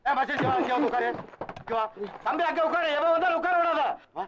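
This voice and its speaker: An actor playing a bossy, argumentative comic husband grabbing seats on a bus in a film comedy scene. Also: male voice, very high voice, quick pace, fairly bright tone, muffled recording, slight background noise.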